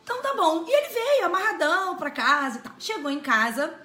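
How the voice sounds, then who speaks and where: A woman with a Brazilian accent telling a personal church testimony in a lively way, laughing often. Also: very high-pitched, fairly quick, echoey room, faint music behind. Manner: lively, laughs through her story. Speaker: church speaker sharing a testimony. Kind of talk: casual storytelling talk.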